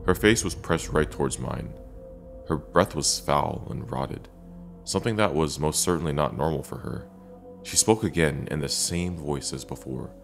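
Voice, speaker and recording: Very deep, creaky male horror narrator. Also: normal speed, faint music behind. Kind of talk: first-person scary story narration.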